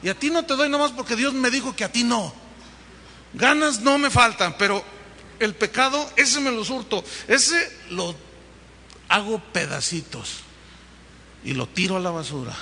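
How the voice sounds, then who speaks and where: A man's voice: very high voice, lively intonation, normal speed, pauses often, pushed and bright, big-room sound, heavily acted. A man voicing a fierce old male prophet who taunts and scolds. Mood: taunting.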